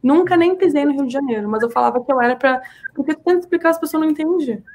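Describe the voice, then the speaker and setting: Talking very fast in a high-pitched, darkish voice, a podcast guest with a southern Brazilian accent tells personal stories in casual conversation. She is emphatic and animated, often repeating words to stress them.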